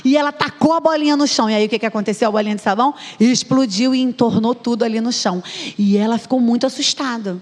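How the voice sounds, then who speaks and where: A Brazilian woman in her thirties, a psychologist giving a chatty conference talk in a church and speaking straight to the audience. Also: fairly high pitch. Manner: chatty, addresses the audience directly. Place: church hall. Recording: long reverb of a church hall.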